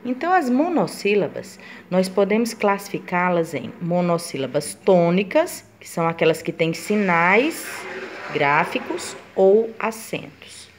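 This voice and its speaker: A woman's voice: lowish voice, big pitch swings, a little slow, slight background noise. A woman teacher gives a grammar lesson, explaining step by step and voicing her students' questions.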